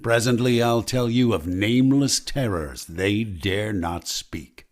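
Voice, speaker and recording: Man acting as the Whistler, slow sinister radio storyteller. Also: lowish voice, expressive, heavy background noise. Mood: ominous, mysterious. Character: the Whistler, ominous mysterious male radio narrator of dark tales. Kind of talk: 1940s radio mystery acting.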